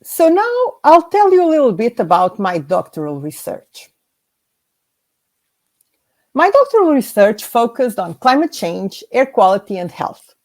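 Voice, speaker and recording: A woman from Portugal, a scientist, giving a prepared slide presentation in a measured way, reading through lists. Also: a little high, big pitch swings, darkish tone.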